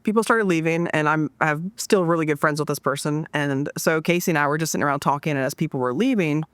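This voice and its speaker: A woman in her forties, a podcast guest, telling a casual story with lively asides and acted-out quotes. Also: low voice, fast, no room sound. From Washington DC area. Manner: animated, acts out quoted dialogue.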